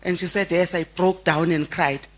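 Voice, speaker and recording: A middle-aged South African woman, a close family friend, giving a heartfelt memorial tribute and telling stories with frequent halting restarts. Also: on the low side, fairly even intonation. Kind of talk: memorial eulogy.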